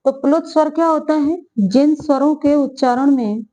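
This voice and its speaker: A woman's voice: high voice, normal speed, mellow, rough recording. A woman teaching a Hindi grammar lesson for exam preparation, who repeats her phrases and asks questions that she then answers herself, drawing out vowel sounds as she demonstrates them.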